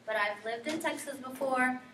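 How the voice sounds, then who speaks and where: A young woman from guatemala talks through a class presentation, earnest and sprinkled with ums. her voice sits a little high and comes from across an echoey classroom. faint background hiss. recorded from far off. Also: normal speed, pushed and bright. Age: young adult. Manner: earnest, filler-heavy with frequent ums and likes. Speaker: student presenter.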